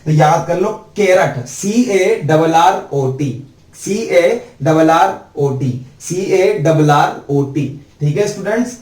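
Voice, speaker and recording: A man's voice: a little high, expressive, a little mellow. A male teacher giving a spelling lesson, drawing out letters one by one at a board. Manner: slow, drawn-out letter-by-letter spelling. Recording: echoey room, mic at a distance.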